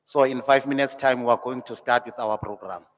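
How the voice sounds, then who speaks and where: A man's voice: mid-range voice, fairly even intonation, a little fast. A South African man with a Xhosa accent making housekeeping announcements to a meeting, repeating plain instructions.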